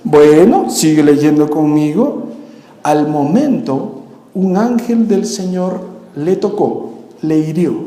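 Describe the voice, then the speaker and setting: A pastor preaches and tells the story with lively, acted-out scenes. His voice sits high but has a soft, mellow tone. The sound carries the long reverb of a large church hall. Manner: animated storytelling, acts out the scenes. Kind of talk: sermon. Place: church sanctuary.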